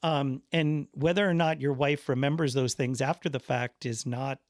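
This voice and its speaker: A man's voice: medium pitch, steady tone, moderate pace, dry recording. Candid, swearing man with a dry close sound. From Miami. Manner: candid, profane, self-deprecating storytelling. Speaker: podcast guest. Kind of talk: casual conversational interview.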